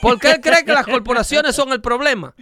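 A man's voice: extremely high pitch, a little fast, sharp tone, dry recording. A man hosting a talk show, explaining his views emphatically and acting out little dialogues as he goes. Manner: emphatic, lecturing, acts out dialogue. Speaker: show host. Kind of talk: opinionated talk show chat.

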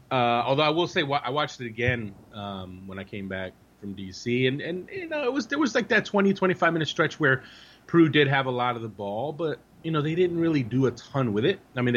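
A man's voice: mid-range voice, a bit bright. Male podcast co-host on a dull line. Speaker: sports podcast co-host and soccer analyst. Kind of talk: casual conversational commentary.

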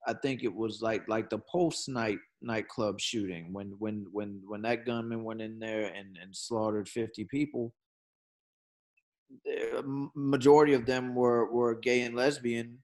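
A man talking casually in a conversation, earnest and given to repeating words as he searches for a thought, now and then breaking into fast bursts. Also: medium pitch, steady tone, darkish tone.

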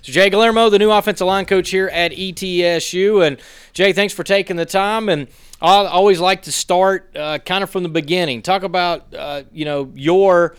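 A chatty man co-hosting a sports show, rambling and joking as he goes. His voice is smooth and clean, set close in a dry space with no echo. He sits a little above the usual pitch for a man. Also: normal speed. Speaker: sports podcast co-host. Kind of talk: casual sports chat.

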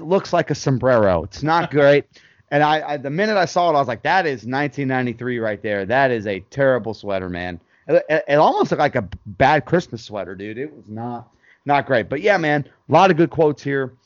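Man, casual chat, relaxed, laughs often, slang like "dude", dull muffled audio. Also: mid-range voice, no room sound. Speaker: podcast co-host. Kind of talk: casual chat reviewing a sitcom episode.

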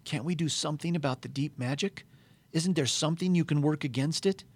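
An anxious young girl speaks in a soft, higher, halting voice, as a man reads her part. Her words come hesitantly. The sound is dry and close. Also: slightly rough, no room sound. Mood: pleading.

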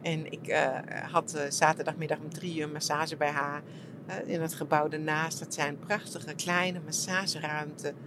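A middle-aged woman talking reflectively about her retreat, soft and searching, with many fillers and restarts. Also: deep voice, level tone, moderate pace, noisy background. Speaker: shiatsu practitioner and podcast host. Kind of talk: reflective personal monologue.

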